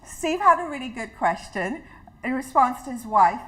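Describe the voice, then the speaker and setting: Warm and personal, a woman from Trinidad works as a health educator, leading a chatty, interactive health talk before a live audience in a community hall and restarting often. She has a high, animated voice at a moderate pace, captured in poor audio.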